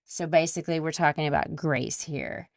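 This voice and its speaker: A woman's voice: low voice, moderate pace, vocal fry, no room sound, studio quality. A woman, hosting a solo podcast and talking through a numbered list with faith asides. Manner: warm list-style reflection with faith asides. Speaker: podcast host. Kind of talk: scripted solo podcast talk.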